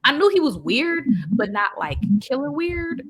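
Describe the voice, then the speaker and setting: A woman hosting a casual movie recap podcast, her voice sitting a bit high and swinging widely in pitch. She talks in a slangy, animated way and laughs often. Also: unhurried. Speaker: podcast host.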